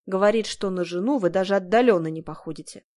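A woman's voice: medium pitch, quick pace, a little mellow, lightly acted. A woman voicing a stern, weary male police investigator with a dry, tired manner, read for an audiobook.

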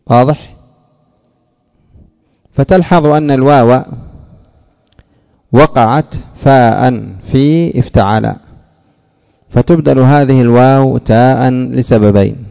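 A man teaching an Arabic grammar lesson, explaining step by step, asking rhetorical questions and drawling out example words slowly. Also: medium pitch, vocal fry, warm tone, smooth, long reverb tail. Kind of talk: classroom lecture on grammar.

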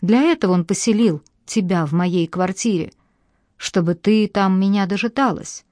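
A woman's voice: medium pitch, moderate pace, a little mellow, dry recording, studio quality, lightly acted. A woman reading the part of a bitter adult man who speaks curtly and with hostility. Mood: cold, hostile. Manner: curt and hostile. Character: harsh, cold adult man, bitter ex-convict.

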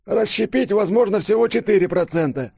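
A man's voice: high-pitched, expressive, a little fast, vocal fry, a little mellow, husky, no room sound, clean studio sound, pitched above the performer's own voice, exaggerated voice. A man voicing a flustered, stammering old professor reading out figures. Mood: agitated.

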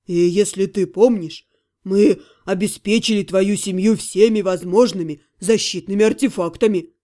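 A woman voicing a good-natured male half-gnome friend who scolds gently and coaxingly, in an audiobook. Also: mid-range voice, steady tone, moderate pace, pitched below the performer's own voice, natural voice. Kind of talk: audiobook character voice.

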